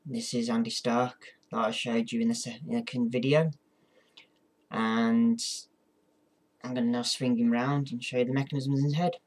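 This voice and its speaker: Flat-toned man giving a casual tutorial. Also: medium pitch, normal speed. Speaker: amateur ventriloquist giving a tutorial. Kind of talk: casual instructional vlog talk.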